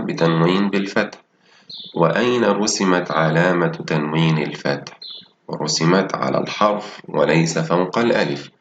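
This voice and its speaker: A man teaching a primary school Arabic lesson, reading example words slowly and praising his pupils as he goes through textbook exercises. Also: low voice, dull audio, a little hiss or hum. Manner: slow, drawn-out reading of example words and sentences.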